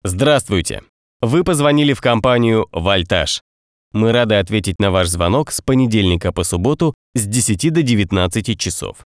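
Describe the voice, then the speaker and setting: A man reading recorded phone menu prompts in a slow, formal, measured way. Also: lowish voice, lively intonation, no room sound, studio quality.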